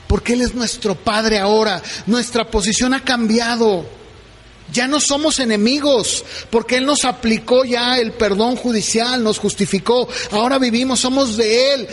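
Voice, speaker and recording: A middle-aged pastor preaches with a strikingly high voice. He keeps it conversational and keeps checking that his listeners follow him. His words ring out with the long reverb of a church hall. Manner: conversational preaching with frequent "¿verdad?" asides. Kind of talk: sermon.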